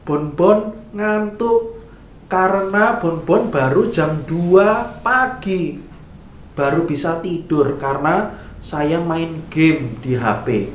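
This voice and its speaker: A man voicing a whiny, sleepy young boy who wails in high calls. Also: slow pace, recorded from a distance, slight background noise. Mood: sulky. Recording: echoey room.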